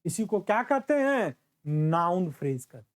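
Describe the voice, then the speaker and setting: A man teaching a grammar class as the teacher, drawing out example sentences slowly and calling his students his children. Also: sits high, sing-song.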